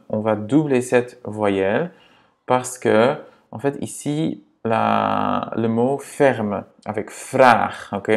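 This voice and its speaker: A man speaking walks beginners through grammar at an unhurried pace. His voice carries a gravelly rasp, and he repeats each example patiently, checking in as he goes. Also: on the low side. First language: Dutch. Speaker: language teacher.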